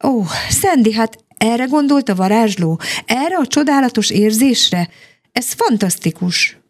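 A woman's voice: on the high side, expressive, voice pushed up. Woman voicing a grumpy lonely dragon. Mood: amazed. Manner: snapping, then tearful and grateful.

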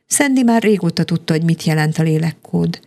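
A woman reading a children's fairy tale aloud in a calm, expressive storytelling manner. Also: deep voice, gravelly.

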